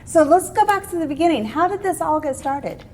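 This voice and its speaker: A woman hosting an interview show, warm and gushing with enthusiasm. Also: extremely high pitch, expressive, brisk, slight background noise. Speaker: host.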